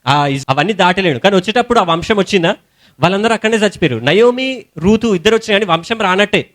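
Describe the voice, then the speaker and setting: Young male preacher, Telangana Telugu accent, high voice, colloquial storytelling sermon. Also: expressive, fast talker. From India. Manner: storytelling sermon in colloquial speech, rising to shouted hallelujahs.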